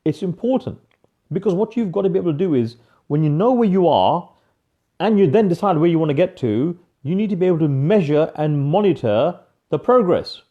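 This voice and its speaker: A man giving an energetic live motivational coaching talk, emphatic, repeating key phrases and calling viewers by name. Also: a little high, fairly quick, lo-fi sound.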